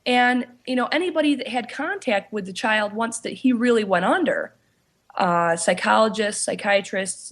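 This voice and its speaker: A woman, a paranormal investigator and author, telling her story in a casual interview, often pausing with "you know" and restarting her sentences. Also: medium pitch.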